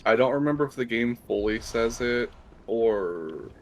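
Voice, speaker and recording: A man's voice: medium pitch, animated, unhurried, slight background noise. A man casually talking through his video game play, explaining things in a rambling way with lots of fillers. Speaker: gameplay co-host. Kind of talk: casual let's-play chat.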